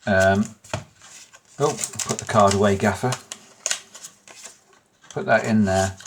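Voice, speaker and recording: A man's voice: on the low side, fairly even intonation, slow pace, a little hiss or hum. Chatty man giving an informal tutorial. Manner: chatty, self-deprecating, muttering asides to himself. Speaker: magician presenting a card trick tutorial.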